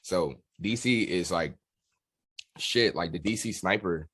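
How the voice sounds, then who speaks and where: Speaking a little slowly, a low-voiced man with a slightly bright, breathy edge appears as a guest in a casual interview. He is an American drummer from the Washington DC area who tells his stories candidly and with plenty of slang.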